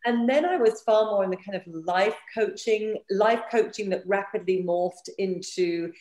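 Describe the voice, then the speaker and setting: A woman with a croaky, froggy morning voice, answering conversationally as a business coach being interviewed and repeating phrases for emphasis. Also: mid-range voice, normal speed, a little mellow. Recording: roomy, echoey sound.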